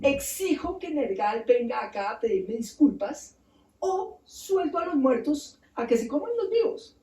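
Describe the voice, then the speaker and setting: A woman's voice: sits high, lively intonation, a little slow, mellow. A woman voicing a fearsome, demanding underworld queen in a storytelling talk, recorded from a distance in a roomy space. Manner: imperious, demanding.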